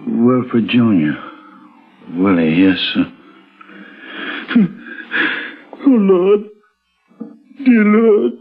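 A man playing a dazed, meek, grief-stricken father in a 1950s radio drama, halting and anguished. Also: mid-range voice, sing-song. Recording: muffled vintage radio recording with music.

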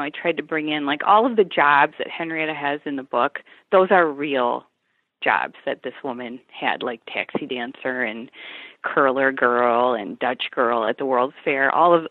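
Woman, author guest, low voice, dry tinny phone line, chatty with fillers. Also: no room sound. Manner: chatty, with many fillers and restarts. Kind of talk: casual interview talk.

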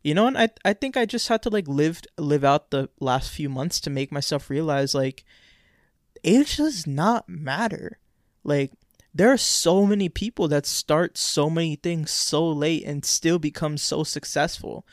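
A man's voice: on the high side, animated, a little slow, no room sound, studio quality. A man in his twenties co-hosting a podcast, chatting casually and repeating words as he rambles. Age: 20s. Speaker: podcast co-host. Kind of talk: casual chat.

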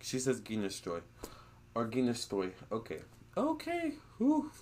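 A man in a casual monologue to camera, relaying a spirit's words in a chatty, animated way with gushing exclamations. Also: fairly low pitch, normal speed.

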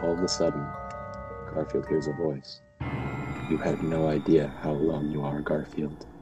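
A man giving a mock-dramatic spooky reading of comic strips, slow and theatrical. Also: a bass voice, flat delivery, music in the background, poor audio. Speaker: podcast co-host.

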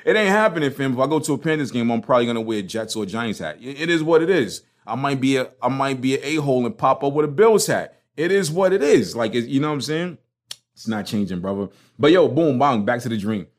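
This fast-talking man with an expressive, mid-range voice hosts his own casual podcast. He comes from Brooklyn, New York, carries the Brooklyn accent, and chats in a slangy, emphatic way.

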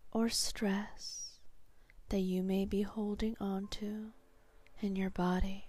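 A woman guiding a hypnosis meditation in a calm, soothing, meditative tone, soft and breathy, sinking toward a whisper at phrase ends. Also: medium pitch, dry recording. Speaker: hypnotherapy guide.

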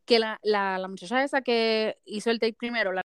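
A woman's voice: a little high, fairly quick, clear, resonant tone, dry recording, studio quality. Chatty code-switching woman. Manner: animated, mixes English phrases into Spanish. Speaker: podcast co-host. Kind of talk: casual chat about a reality dating show.

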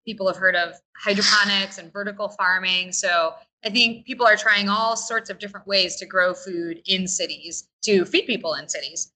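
A woman's voice: medium pitch, fairly even intonation, moderate pace, hardly any pauses, pushed and bright, rough recording. A woman guest on a podcast, explaining her urban farm in a thoughtful, easy way. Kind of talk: podcast interview.

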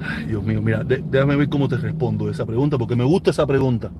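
This man talks fast in a mid-range voice over a very noisy recording. He's in his forties, speaks with a Cuban Spanish accent, and casually responds to viewer comments on a live stream, stressing points by saying them more than once.

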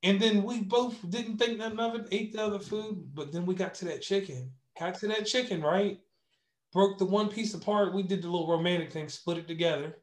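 A man with a West Virginian accent co-hosting a casual podcast chat, telling animated stories and repeating words for emphasis. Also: sits high, fairly quick, reverberant. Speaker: podcast co-host.

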